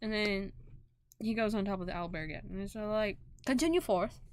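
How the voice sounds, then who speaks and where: A young woman narrating as game master for a tabletop game over a voice call, animated and quick to laugh. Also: medium pitch, a little hiss or hum. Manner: giggly, animated storytelling.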